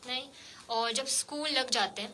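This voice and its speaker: A woman hosting a radio show, interviewing a child guest with gentle, coaxing questions full of fillers. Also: a little high. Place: radio studio.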